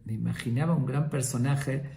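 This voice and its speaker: A man's voice: mid-range voice, steady tone, vocal fry, dark tone, close to an everyday voice. A man voicing a hesitant wealthy traveler. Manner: hesitant, halting, searching for words.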